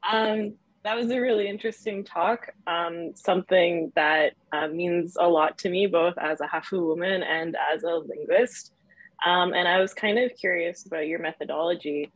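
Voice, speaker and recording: A woman's voice: fairly low pitch, moderate pace, no room sound, rough recording. A woman from the audience asking a question politely and hesitantly, with many fillers.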